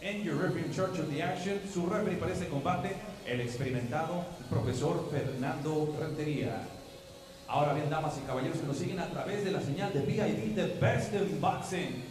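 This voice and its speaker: A man's voice: on the high side, fast, far from the mic. A man announcing a boxing bout in two languages over a handheld mic, theatrically stretching names like a lucha libre announcer. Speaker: ring announcer. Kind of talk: bilingual boxing ring announcing. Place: boxing ring in an indoor venue. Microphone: handheld microphone. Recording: echoey PA with long reverb and crowd.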